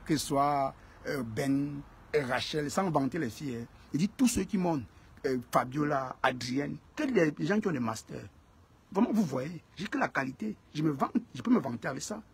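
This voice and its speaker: A man's voice: on the high side, expressive, moderate pace, creaky, breathy edge. A man hosting a casual live stream, greeting viewers by name and repeating phrases for emphasis.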